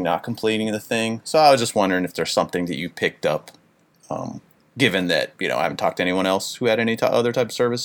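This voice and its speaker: A man hosting an interview, asking thoughtful, somewhat hesitant questions in a casual way. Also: on the low side. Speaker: interviewer, podcast host. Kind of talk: casual conversation.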